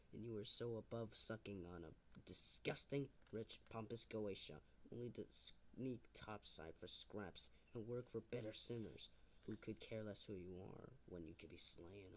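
A man's voice: mid-range voice, vocal fry, slight background noise. A man voicing a smug, menacing, seductive imp cowboy assassin in an overacted amateur cartoon dub, taunting as he goes.

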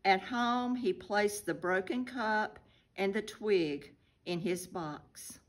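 A woman reads a children's story aloud at a very slow, deliberate pace. Her voice sits at a middle pitch, and her reading is careful and clear. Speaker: reader.

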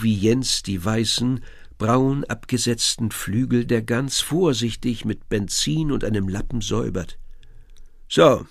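A man reading a children's story aloud in a lively, expressive way. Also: on the low side, creaky, no room sound, clean studio sound.

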